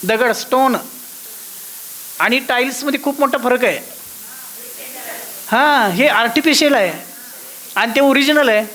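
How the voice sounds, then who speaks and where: A man's voice: very high voice, measured pace, long pauses, bright, forceful tone, poor audio. A man with a thin voice teaching a devotional course, often asking his listeners whether they follow and singing out the musical notes as he explains them.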